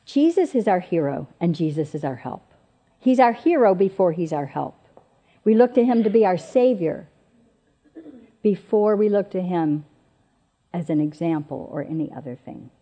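A woman's voice: fairly low pitch, lively intonation, moderate pace, pauses often, warm tone. A woman giving an earnest, emphatic Bible teaching who repeats her key phrases for weight. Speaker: speaker at women's Bible teaching. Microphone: presenting from notes on a screen.

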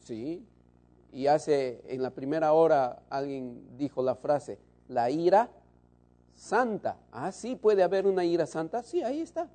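A man preaching a sermon to his congregation, shifting between loud emphasis and soft, low asides. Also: animated, a little slow.

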